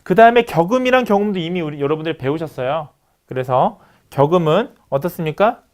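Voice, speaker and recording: Male lecturer, middle-aged, fairly high and animated; steady classroom explaining with frequent "so, yes" fillers. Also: a little fast. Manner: explains step by step, many "자" and "네" fillers; writes on screen while talking. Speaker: university lecturer. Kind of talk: recorded online lecture.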